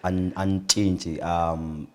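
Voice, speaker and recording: A young South African man in his twenties, an actor guest talking in a relaxed interview, who laughs often and repeats words. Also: sits low, slow pace, a crowd in the background. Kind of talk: casual interview chat.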